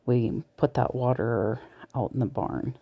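Unhurried and mellow, her bass voice has a breathy edge as she chats to viewers, browsing a large thrift store for her reseller vlog. The casual shop-with-me talk occasionally becomes a whisper, captured from her point of view by a body-worn camera mic.

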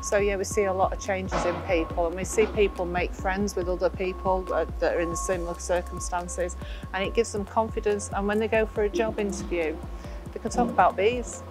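A woman's voice: medium pitch, fairly quick, music in the background. Earnest middle-aged woman beekeeper. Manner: animated, earnest. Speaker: volunteer beekeeper. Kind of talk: interview. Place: outdoors, garden. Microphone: lapel.

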